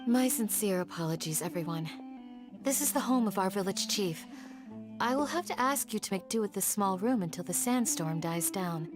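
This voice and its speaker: A woman's voice: medium pitch, lively intonation, normal speed, music in the background, lightly acted. An actress playing a polite, protective female village guardian who speaks formally and firmly in video game dialogue. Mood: composed. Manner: formal, gentle but firm.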